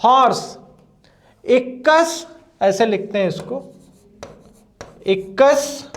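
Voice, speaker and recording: A man's voice: very high-pitched, lively intonation, extremely slow. A male teacher, running a live online exam-prep class and drilling terms, checking again and again that students follow.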